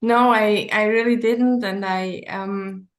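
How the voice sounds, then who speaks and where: A woman's voice: medium pitch, fairly even intonation, takes it slowly. A woman from Switzerland with a Swiss German accent, an author thinking aloud hesitantly in a conversational interview.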